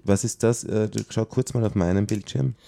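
A middle-aged man chatting casually while playing a video game with his child, easily excited and often searching for words. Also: fairly low pitch, fairly quick, creaky. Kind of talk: casual gaming chat.

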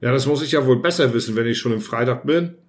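A man voicing a phlegmatic man, his own later self, who answers in an unhurried, offhand way in an audiobook. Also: medium pitch, lightly acted.

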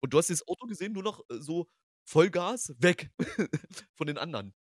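Brief: man, self-mocking, laughs a lot, a bit high, dry sound. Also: very animated, normal speed, no echo. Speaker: podcast guest. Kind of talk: casual chat.

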